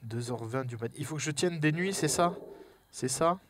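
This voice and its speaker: Un homme à l'français qui commente en direct un jeu d'horreur, entre chuchotements tendus, cris et blagues. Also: male voice, a little high, normal speed, noisy background. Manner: jokey, jumpy, swings from whispers to yelps. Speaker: let's play host. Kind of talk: horror game let's play commentary.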